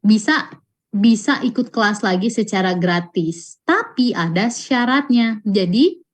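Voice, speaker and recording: A woman teaching a live online Japanese class, reading out student answers and stretching example words out slowly and patiently. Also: mid-range voice, animated. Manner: slow, patient, drawn-out pronunciation of example words.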